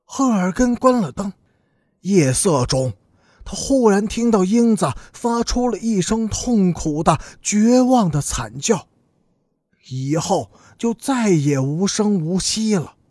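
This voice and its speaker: A man narrating a serialized audiobook story in a slow, deliberate, dramatic manner. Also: high-pitched, lively intonation, a little mellow, no room sound, clean studio sound.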